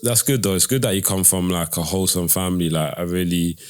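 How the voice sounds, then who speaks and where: A man's voice: low-pitched, fast talker, clean tone. A man hosting an interview show, chatting casually with lots of fillers. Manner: relaxed, chatty, filler-heavy, laughs easily. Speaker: podcast host.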